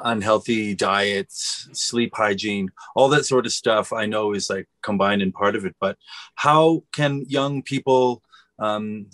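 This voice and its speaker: A man's voice: mid-range voice, no echo. A man in his thirties hosting a podcast over a video call with a headset, asking long questions with many fillers. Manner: hesitant questions full of fillers. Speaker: podcast host. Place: small home room.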